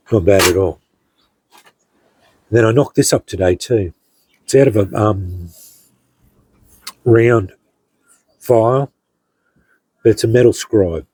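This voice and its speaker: Slow, low-voiced man with a husky tone. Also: warm tone, no room sound, low-quality recording. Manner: unhurried, rambling, many ums and restarts. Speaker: hobby blacksmith showing his work. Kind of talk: casual show-and-tell narration.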